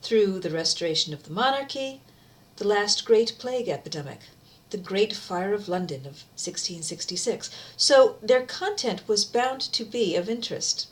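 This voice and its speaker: Speaking at normal speed with medium pitch and lively intonation, a middle-aged woman chats informally. She's sharing a beloved book and reading it aloud in an amateur video.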